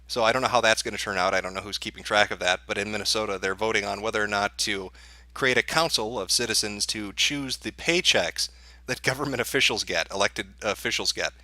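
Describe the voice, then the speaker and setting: A man's voice: fairly low pitch, a little fast, bright, forceful tone, no echo. Sarcastic, foul-mouthed male stream host. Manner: profane, sarcastic. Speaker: livestream host. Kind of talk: casual live commentary.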